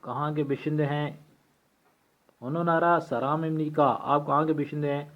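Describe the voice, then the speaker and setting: A man teaching a language lesson from a textbook, reading vocabulary slowly and repeating each word for practice. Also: on the high side, steady tone. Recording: tinny phone-like recording.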